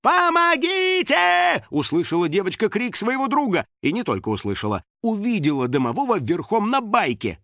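A man narrating a children's audiobook in an expressive, storytelling manner, recorded close to the microphone. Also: sits high, fairly quick, hardly any pauses, no echo.

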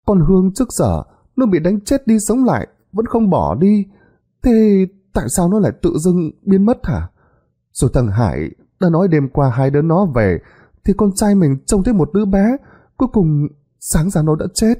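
A man voicing a stern, suspicious older village woman in a spoken horror story, with a shrill, accusing way of talking. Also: big pitch swings, normal speed, mellow, slightly rough, heavily acted.

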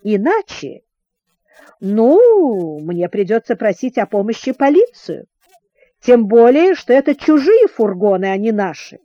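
A woman's voice: on the high side, sing-song, unhurried, no echo, highs cut off. A woman voicing a serious teenage boy in a storybook reading, speaking patiently and firmly. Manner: patient, firm.

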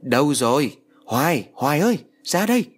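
A man's voice: medium pitch, very animated, fast, breathy edge. A man voicing a frightened middle-aged village man who stammers and pleads in an audio story. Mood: panicked.

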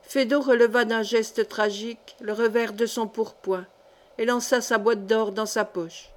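A woman narrating a historical novel as an audiobook reader, in a measured, even reading. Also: fairly high pitch.

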